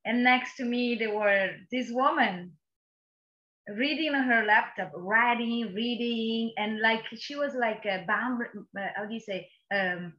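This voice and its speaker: Italian-accented woman, bright, slightly high voice, casual chat, muffled remote line. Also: measured pace. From Italy. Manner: searches for English words, laughs easily. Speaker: guest, workshop co-leader. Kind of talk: casual conversation.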